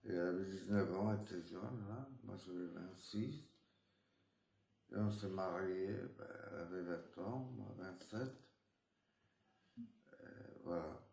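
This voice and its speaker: Gravelly Spanish-accented man recalling his life. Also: sits low, measured pace, pauses often, darkish tone. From Spain. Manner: rambling, with frequent restarts and tag words. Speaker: interviewee. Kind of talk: casual life-story interview. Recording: roomy echo.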